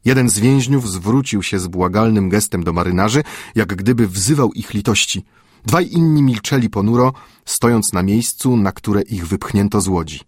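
A middle-aged male audiobook narrator reads a classic adventure tale in a measured, steady way. His voice sits low with a husky grain, and the recording is dry and close with no room sound. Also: no room sound. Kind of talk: scripted literary narration.

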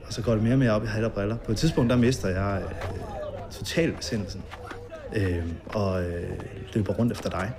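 A man tells an old story in a documentary interview, stopping often on fillers as he searches for words. His voice is low and gravelly, with a faint hiss behind it. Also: steady tone. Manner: hesitant, full of fillers. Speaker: interviewee recalling a past night. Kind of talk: documentary interview, casual recounting.

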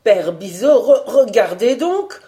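A woman's voice: fairly low pitch, expressive, measured pace, darkish tone. Woman reading as a nervous young guard. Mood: alarmed. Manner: stammering when alarmed. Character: young male museum guard, startled and uneasy.

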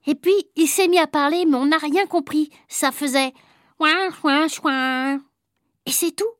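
A woman reading a children's story aloud in a lively, childlike first-person telling. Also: sits high, normal speed, dry recording, clean studio sound. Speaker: audiobook reader. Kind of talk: storybook narration.

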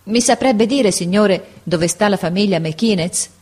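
A woman's voice: mid-range voice, moderate pace, a little mellow, breathy edge, lightly acted. A woman voicing a ragged, worn-out boy who pleads urgently for the way to his mother. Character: exhausted, desperate young boy searching for his mother.

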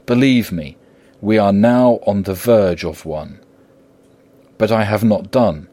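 A grave old professor, as a male narrator plays him, speaking slowly and solemnly in a low voice. He is measured and compassionate, a gothic audiobook figure. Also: warm tone, dry recording.

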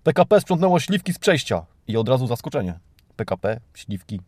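Brisk and sing-song, with a darkish tone at medium pitch and no room sound, a Polish podcast host delivers a satirical script. He reads out news items and mocks them with ironic, mock-grandiose theatricality.

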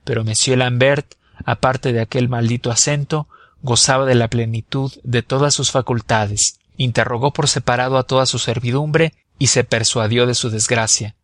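A man reading a novel aloud as an audiobook narrator, measured and expressive. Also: medium pitch, no echo, clean studio sound. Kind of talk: scripted narration.

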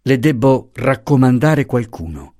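A man reading the lines of a resolute, tender young husband who speaks in a hushed way. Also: medium pitch, lively intonation, a little slow, dry recording, studio quality.

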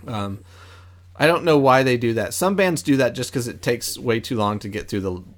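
A man's voice: medium pitch, expressive, moderate pace. A man co-hosting a casual podcast at home, telling a story with lots of hesitation, ums and restarts. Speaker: podcast co-host. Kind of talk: casual chat. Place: at a table at home.

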